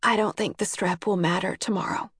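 A woman's voice: medium pitch, fairly even intonation, brisk, breathy edge, no room sound, studio quality. A woman reading the lines of a desperate middle-aged mother whose voice breaks with grief. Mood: broken. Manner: soft, voice breaking.

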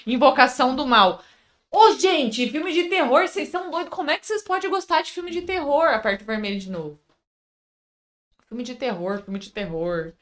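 A woman's voice: high voice, moderate pace. A Brazilian woman hosting a casual podcast, teasing her co-host with dramatic exclamations. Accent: Brazilian Portuguese.

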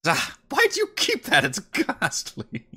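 A man voicing a very old, frail undead wizard with a slow, genteel, morbid delivery in a tabletop game. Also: very high-pitched, wildly swooping pitch, bright, forceful tone, husky, voice pushed up, exaggerated voice. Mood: weary disdain. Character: frail old undead male wizard, ghoulishly courteous necromancer. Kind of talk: tabletop role-play.

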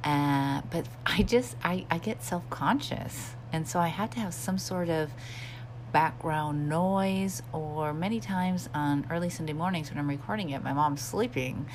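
A woman's voice: deep voice, measured pace. A woman podcast host chatting casually in a hesitant, confiding way, recorded in a small bathroom at home with a fan running. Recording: bathroom with steady fan hum. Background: humming bathroom fan.

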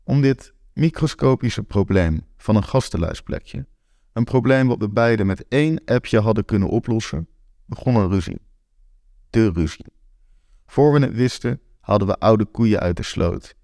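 A man's voice: fairly low pitch, animated, moderate pace, vocal fry, mellow, dry recording, studio quality. A man in his twenties reading a first-person story aloud, candid and wry. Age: 20s. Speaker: narrator.

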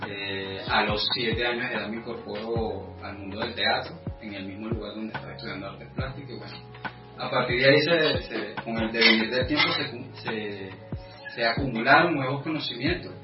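Venezuelan guy in his 30s, lots of "eh" pauses, sounds far from the mic, echoey room. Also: fairly low pitch, dull audio, music in the background. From Venezuela, the llanos. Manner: thoughtful, many hesitant fillers. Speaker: guest artist. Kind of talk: casual interview.

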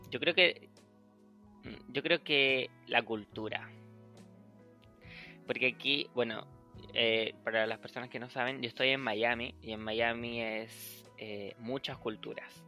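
A man's voice: mid-range voice, bright, forceful tone. A man hosting a casual podcast, rambling through his thoughts with lots of fillers and the odd English word. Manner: rambling, heavy use of fillers like "o sea" and "eh"; mixes in English words. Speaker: podcast host.

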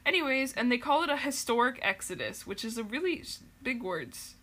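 A young woman hosts a podcast, recapping a show in loose, rambling chat full of fillers and small giggles. Her voice is bright and a little high. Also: animated, brisk. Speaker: podcast host.

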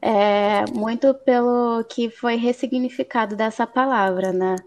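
A young woman with a Brazilian Portuguese accent, chatting earnestly and lively as a guest on a casual panel. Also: a little high. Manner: earnest, lively, drawn-out phrases.

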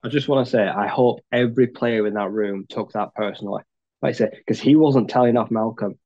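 A man's voice: on the low side, a little fast, dark tone, lo-fi sound. A man speaking bluntly and swearing freely in a casual sports podcast chat.

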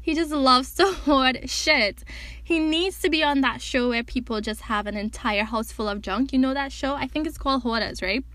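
A woman's voice: high voice, normal speed, a bit bright, no echo. A young woman hosting her own podcast, talking casually, joking and bossing her listeners around. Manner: chatty, joking and bossy. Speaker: podcast host. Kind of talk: casual solo podcast talk.

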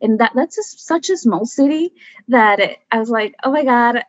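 A woman, a guest telling her story in lively, chatty talk full of fillers. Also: fairly high pitch, normal speed, no room sound, muffled recording. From Mexico. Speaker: guest, environmental scientist. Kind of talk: casual conversation.

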